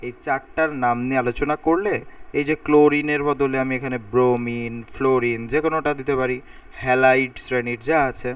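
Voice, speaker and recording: A man's voice: mid-range voice, steady tone, brisk, clear, resonant tone, dry recording. A man teaches a chemistry lesson, writing as he talks and saying word endings over so they stick. His voice sits in the middle of the usual range. He is a little way off from the mic. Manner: talks while writing on a board, thinking aloud, repeating sounds to drill pronunciation. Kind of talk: recorded lecture explaining formulas. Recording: voice a bit far from the mic.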